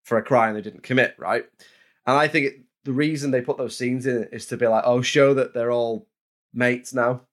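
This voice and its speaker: A man's voice: medium pitch, steady tone, moderate pace. A man co-hosting a podcast, rambling casually about a film with many restarts. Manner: rambling, restarts, drops into offhand mock voices. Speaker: podcast co-host. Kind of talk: casual film review chat.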